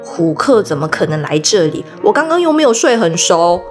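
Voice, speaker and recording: A woman voicing a brave, eager young boy hero in a storybook reading, with soft music behind. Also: fairly low pitch, normal speed, pitched below the performer's own voice. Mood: dismissive. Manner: bright, excited, calling out.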